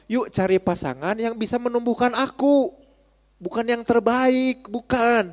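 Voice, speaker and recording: A man's voice: very high-pitched, measured pace. A man with a Sundanese accent giving a casual religious study talk, chatty and teasing, speaking straight to his listeners. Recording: long hall reverb.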